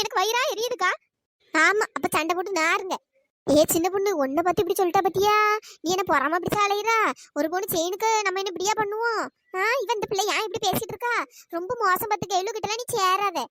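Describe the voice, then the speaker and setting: Shrill, sly cartoon village troublemaker, fast-paced, woman voice actor. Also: fairly bright tone. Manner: scolding, sly and gossipy. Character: meddling village woman stirring up fights. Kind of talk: cartoon voice acting.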